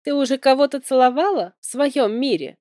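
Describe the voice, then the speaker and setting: A woman's voice: high voice, lively intonation, brisk, warm tone, dry recording, studio quality, voice pushed up. A woman reading aloud, voicing an eager, cheerful young man companion in an audiobook.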